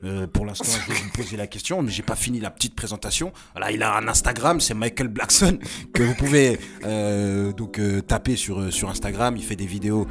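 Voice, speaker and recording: A man's voice: fairly low pitch, brisk, hardly any pauses, fairly bright tone. A man hosting a casual group chat, talking with many hesitations and restarts, with faint music behind. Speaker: host.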